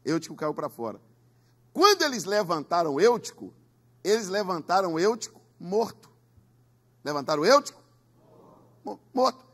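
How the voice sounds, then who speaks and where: A pastor, a man with a husky, slightly raspy voice, preaches an emphatic sermon in a church. He asks the congregation to repeat his words and talks in a high register. His pitch leaps widely from line to line. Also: big pitch swings, moderate pace, pauses often. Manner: emphatic preaching with call-and-response. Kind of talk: Pentecostal sermon.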